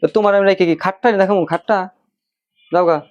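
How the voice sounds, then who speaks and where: A man's voice: sits high, steady tone, fast talker. A man playing a mocking, dismissive husband in a family quarrel skit. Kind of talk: acted domestic quarrel skit. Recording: dull lo-fi sound.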